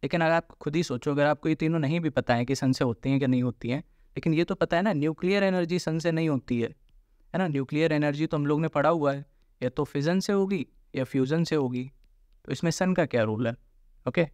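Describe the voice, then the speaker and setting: A man's voice: on the high side, brisk, darkish tone, no room sound, studio quality. A man giving an informal exam-prep lesson, explaining step by step and often adding tag questions for his students. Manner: informal, repeats tag questions, mixes English terms. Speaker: exam coaching teacher.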